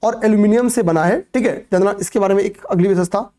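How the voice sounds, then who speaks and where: Talking fast in a warm, high-sitting voice, a male Hindi-speaking coaching teacher runs through a current-affairs class. His style is repetitive; he raises questions only to answer them and often says "okay, pay attention."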